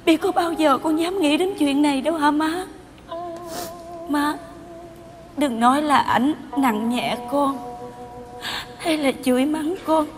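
High, bright voice of a tearful young bride,. Her pleading, melodramatic delivery rings through a large theater hall, with music behind her. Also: slow pace, long pauses. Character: young Vietnamese bride Mai, tearful and devoted. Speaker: stage comedy actress. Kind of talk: stage sketch acting. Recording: live stage with hall echo and music.

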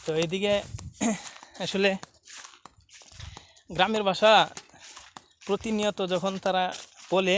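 A man's voice: high voice, steady tone, takes it slowly, long pauses, a bit bright, a little hiss or hum. A man from Mymensingh with a Mymensingh Bengali accent, walking outdoors by fields and a dry canal and chatting casually to a phone camera, repeating himself and mixing dialect with standard speech. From Mymensingh, Bangladesh. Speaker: vlogger.

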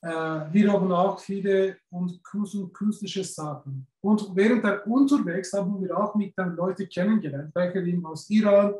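A man, answering interview questions over a video call, often pausing and searching for words. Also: sits high, darkish tone. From Turkey. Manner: searching for words, many pauses and fillers. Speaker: festival organizer. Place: indoor office with film posters. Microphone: webcam on a video call. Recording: echoey room.

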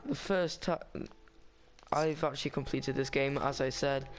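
A man's voice: mid-range voice, fairly even intonation, a little slow. A man talking casually over a game walkthrough, rambling and chatty with frequent restarts. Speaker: gaming guide maker.

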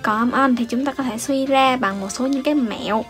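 A Vietnamese woman with a slightly high voice explains Japanese exam answers in a patient, teacherly way. She often pauses on fillers and ends her points with a soft question tag. Faint background music plays beneath her voice. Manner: patient, explanatory, many fillers and rising "ha" tags.

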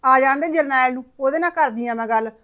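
A woman with a Punjabi accent playing a sharp-tongued village mother-in-law who scolds fast and loud. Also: high voice, highs cut off. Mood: scolding. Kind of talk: village family drama acting.

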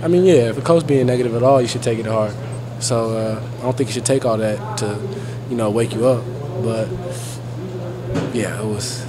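A young man in a postgame press scrum, answering reporters in a subdued, halting way with lots of fillers, recorded on phones held close. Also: medium pitch. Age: young adult. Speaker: college basketball player. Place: crowded arena interview area, curtained backdrop. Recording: crowd noise behind the voice. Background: crowd chatter.

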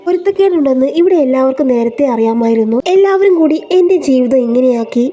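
A woman's voice: sits high, animated, quick pace, mellow, highs cut off. A woman voicing an unhappy young married man who speaks defensively and complains. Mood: frustrated.

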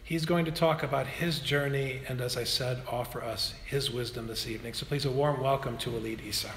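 Earnest priest introducing a guest. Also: male voice, mid-range voice, fairly even intonation, a little fast, a bit bright. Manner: earnest, emphatic. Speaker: parish priest. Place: church hall. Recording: roomy hall echo with faint noise.

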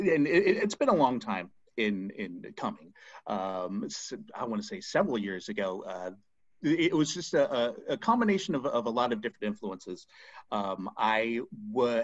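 A man's voice: mid-range voice, lively intonation, moderate pace, no room sound. A man in his forties, a spoken word artist, talking as a guest in a casual video-call interview from home, hesitant with many ums and restarts. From United States. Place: home room, seated on a couch. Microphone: video call webcam. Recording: dull lo-fi call audio.

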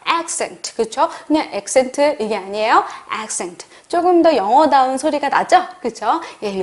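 A woman teaching an online English lesson, encouraging her students and drilling phrases slowly for them to repeat. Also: high voice. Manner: acts out casual Korean example lines.

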